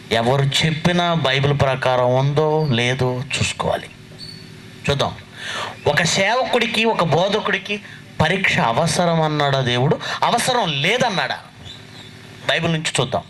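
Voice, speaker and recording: A man preaching a sermon in a church. He scolds the congregation with rapid rhetorical questions and reads scripture slowly and deliberately. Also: on the high side, lively intonation, a bit bright, slight background noise, poor audio.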